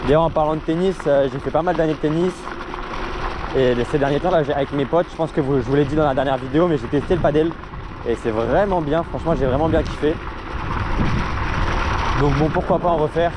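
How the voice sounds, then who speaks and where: A young man talks in a slightly high voice, casual and full of slang. He sounds enthusiastic as he narrates his ride outdoors, with clear vehicle and street noise around him. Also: fairly quick. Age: young adult. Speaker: vlogger on an electric scooter. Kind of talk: casual ride-along vlog chat. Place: outdoors, riding through streets and forest.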